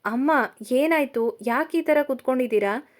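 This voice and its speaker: A woman's voice: high voice, normal speed, natural voice. A woman voicing a moody, brooding young man who speaks curtly and impatiently, in a storybook reading. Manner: curt, impatient.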